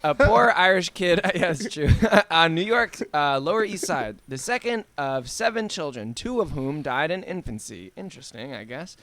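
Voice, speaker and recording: A man's voice: fairly high pitch, animated, normal speed, hardly any pauses, fairly bright tone, dry recording. A male podcast co-host in casual chat, reading facts from notes and adding dry asides.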